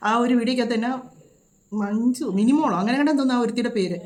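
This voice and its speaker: A woman's voice: fairly high pitch, fast talker, a little mellow. A woman vlogger, giving indignant, scolding commentary full of rhetorical questions. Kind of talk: opinionated reaction commentary.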